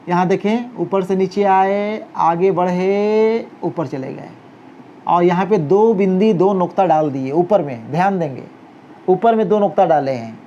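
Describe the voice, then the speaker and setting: Patient man teaching, slow and dull-sounding. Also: sits high, warm tone. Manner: slow, patient, repeats a rising "okay?" check after each step; talks while writing, guiding each stroke. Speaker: Urdu teacher. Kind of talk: handwriting lesson. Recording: dull lo-fi recording with faint noise.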